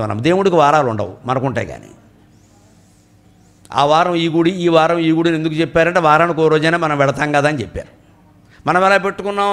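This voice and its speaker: Stories and rhetorical questions fill this spiritual discourse from a middle-aged, Telugu-accented man with a high voice. Speaking at a memorial event in a cultural hall, he alternates between loud and soft delivery.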